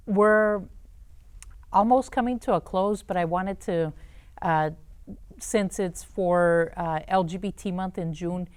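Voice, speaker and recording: A woman hosting a talk show, interviewing in a conversational way with hesitant, halting phrasing. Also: on the low side, darkish tone, smooth, no echo.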